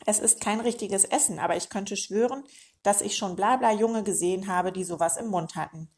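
A woman's voice: medium pitch, brisk, darkish tone, natural voice. A woman voicing a boastful old male meerkat uncle in a children's storybook, talking in a pompous, self-important way.

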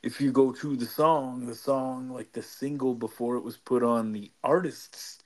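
A man's voice: mid-range voice, fairly even intonation, measured pace, a little mellow. A young man co-hosting a podcast, talking casually with many restarts, fillers and swearing. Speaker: podcast co-host. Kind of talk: casual chat.

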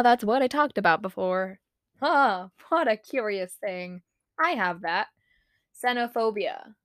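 Young woman, solo podcast host; unhurried, giggly and foul-mouthed, reading a list aloud; dry close mic. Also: mid-range voice, dry recording. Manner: giggly and frank, swears, reads a list aloud. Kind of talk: casual solo podcast chat.

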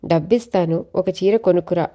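Clever young woman in a storybook, teasing, scolding, confident, read by a woman narrator; mellow low voice. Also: a little fast, natural voice.

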